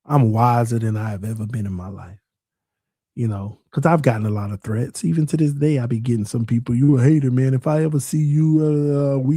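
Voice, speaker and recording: A dark-toned, mid-range male voice belongs to an earnest sports podcast host in his forties. His casual, preachy monologue is repetitive and climbs to emphatic preaching. The recording is dry and clean, studio-grade.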